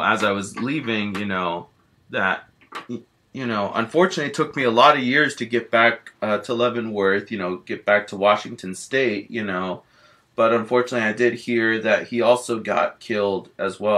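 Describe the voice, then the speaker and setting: A man playing a big, gentle grizzly bear who tells a rambling first-person story, packed with fillers and easily frightened. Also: lowish voice. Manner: rambling, constant "you know" fillers.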